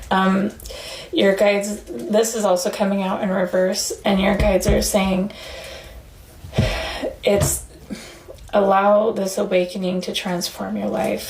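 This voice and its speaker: A woman's voice: medium pitch, creaky, darkish tone. A woman giving an earnest, encouraging tarot reading, with frequent fillers, recorded in an echoey room. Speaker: tarot reader. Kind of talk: pick-a-card tarot reading. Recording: echoey room, faint background hiss.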